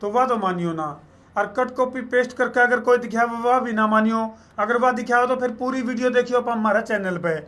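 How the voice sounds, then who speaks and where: A man with a Haryanvi accent speaks in a high voice. His tone is bright and forceful. He talks with folksy earnestness, as a local journalist pleading his case in an interview. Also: moderate pace. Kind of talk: earnest public appeal in casual interview.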